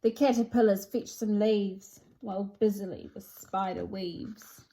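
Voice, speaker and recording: A woman with a dark, breathy-edged, medium-pitched voice reads a children's picture book aloud, steady and a little slow, on a rough recording. Her storytelling is theatrical and sing-song, rhyming expressively for kids.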